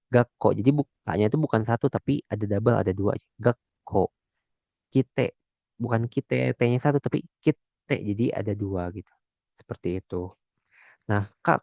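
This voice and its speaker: Chatty man teaching, low voice. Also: no room sound, lo-fi sound. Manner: chatty, checks in with questions. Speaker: Japanese language teacher. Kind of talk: casual explanatory lesson.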